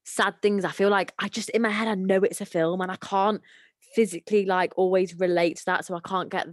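A woman's voice: medium pitch, fairly even intonation, no echo. Woman, podcast co-host, rambling casual chat, close dry sound. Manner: rambling, self-deprecating, quick to laugh.

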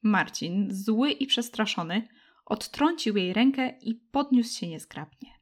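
A woman's voice: fairly high pitch, measured pace. Woman narrating a children's story. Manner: gentle, expressive reading. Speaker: audiobook narrator.

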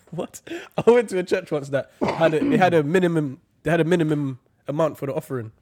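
A man's voice: on the high side, moderate pace, darkish tone. A young man with a London accent chatting casually as a co-host, slangy, repeating himself and chipping in. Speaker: podcast co-host. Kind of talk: casual chat.

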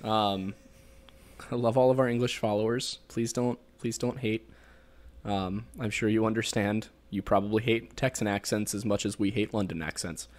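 A man with a Pennsylvania accent talks casually on a podcast, his voice sitting a little low. He rambles through his explanations, tossing in jokes and plenty of filler words. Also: fairly even intonation, moderate pace, a little mellow. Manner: rambling, joking, explaining folklore with many fillers. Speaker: podcast host.

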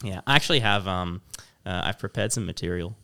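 A man's voice: low-pitched, brisk, pushed and bright. A man co-hosting a podcast, rambling in casual chat, self-mocking and laughing a lot. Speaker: podcast co-host.

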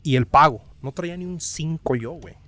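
A man's voice: a little high, a little fast, a bit bright, dry recording. A young man from Guanajuato with a Mexican accent, telling a story in casual chat, full of crude slang and acted-out quotes. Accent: Mexican Spanish, Guanajuato. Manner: crude slang-heavy storytelling, acting out other people's lines.

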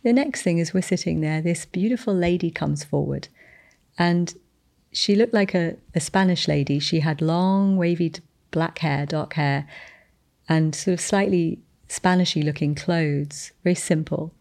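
A woman earnestly telling a testimony of a spiritual encounter, with restarts and slowed, emphatic phrases. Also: lowish voice, a little mellow. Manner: descendant of the Boleyn family telling a spiritual encounter. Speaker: guest sharing a testimony. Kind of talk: storytelling testimony.

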